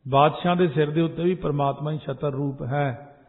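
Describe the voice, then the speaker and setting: A man giving scripture exposition, slowly chanting verses and then explaining them in plain speech. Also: on the high side, steady tone. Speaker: Sikh preacher. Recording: echoey hall, tinny phone-like sound.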